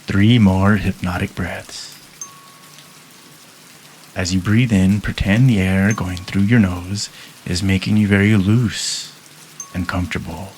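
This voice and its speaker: A man with a very low voice leads a hypnosis session, speaking soft, calm and unhurried, with long pauses between phrases. Faint rain patters behind him. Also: slight background noise, poor audio. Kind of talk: guided hypnosis induction.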